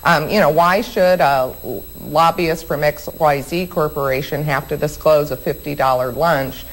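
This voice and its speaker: A woman's voice: low voice, normal speed, poor audio. A woman, a government reform advocate, speaking firmly on policy in a panel discussion. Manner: firm, policy-focused.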